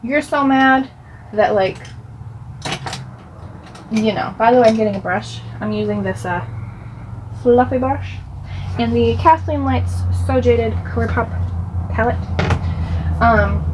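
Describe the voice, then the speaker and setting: A woman's voice: on the high side, slow pace, pauses often. Chatty young woman telling a dramatic story. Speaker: beauty vlogger. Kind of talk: get-ready-with-me storytime. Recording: slightly dull, faint noise.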